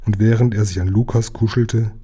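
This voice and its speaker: A man reading a children's book aloud in a calm storytelling manner. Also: lowish voice, fairly quick, husky. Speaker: reader.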